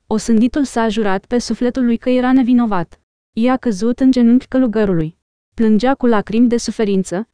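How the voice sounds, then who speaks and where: A woman narrating an audiobook in a steady, even storytelling manner, recorded close on a studio mic. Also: a little high, clean tone, no room sound.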